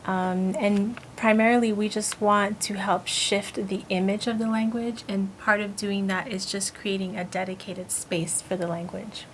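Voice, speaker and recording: Haitian-born woman raised in brooklyn, calm articulate tv guest, mid pitch, faint hum. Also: moderate pace, hardly any pauses. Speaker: linguist and institute director, guest. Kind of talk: TV interview.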